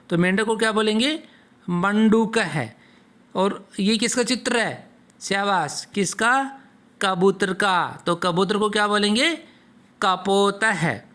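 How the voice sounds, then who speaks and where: A man's voice: high-pitched, bright, forceful tone, clear, resonant tone. A man teaching a Sanskrit lesson to children, patiently asking questions and answering them himself. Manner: slow, patient, asks and answers own questions.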